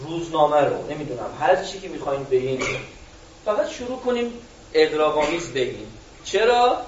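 High-voiced Iranian man coaching a workshop. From Iran. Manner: animated, swings between loud and soft, quizzes the audience. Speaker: public speaking coach. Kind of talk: live workshop talk. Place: workshop room with an audience. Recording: echoey room, distant and dull.

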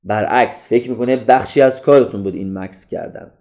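A man teaching an online course on public speaking in a lively, instructive way, sometimes showing loud, soft and paused delivery. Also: mid-range voice.

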